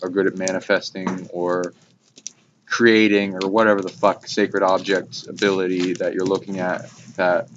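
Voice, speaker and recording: A low-voiced host with little variation in pitch rambles hesitantly through esoteric spiritual ideas, with occasional casual profanity. Clicks, noise and muffling mark this hobby recording.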